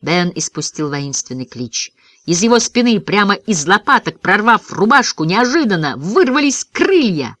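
Expressive man reading an audiobook. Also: high voice, moderate pace, no echo. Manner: expressive first-person reading. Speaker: audiobook narrator. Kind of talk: scripted storybook narration.

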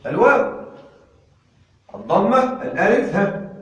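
A man teaching an Arabic grammar lesson in a classroom, asking his students questions and slowing down on the example phrases. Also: sits high, big pitch swings, a bit bright, dull audio. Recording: echoey room from far off.

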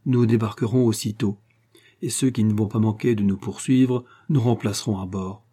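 A man voicing a suave, cunning gentleman-thief baron with a smooth, commanding and ironic manner in an audiobook reading. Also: fairly low pitch, steady tone, normal speed, lightly acted. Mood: ironic, confident.

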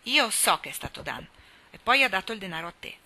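A woman's voice: mid-range voice, very animated, fast, pushed and bright, full character voice. A woman reading the part of a mocking, taunting boy. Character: sneering taunting boy, a bully. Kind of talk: audiobook character reading.

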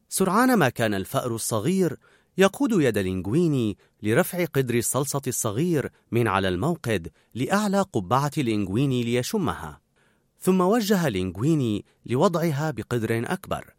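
A man narrating a children's story aloud in an animated, expressive way. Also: medium pitch, dry recording, clean studio sound.

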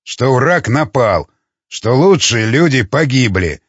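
A man's voice: mid-range voice, very animated, slow, husky, no echo, muffled recording, heavily acted. A man voicing a brutal, enraged male hunter, a father whose daughter was kidnapped, snarling crude threats in an audiobook. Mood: menacing.

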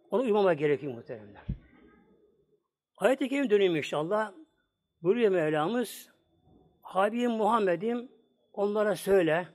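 High-voiced preacher telling a story. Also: male voice, darkish tone. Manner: dramatic, acts out voices in stories; addresses the congregation. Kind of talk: sermon storytelling.

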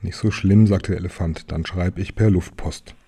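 A man reading a children's story aloud in a gentle way, adding small asides to the listener. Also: low voice, fairly even intonation, moderate pace, breathy edge. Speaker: reader of a children's book.

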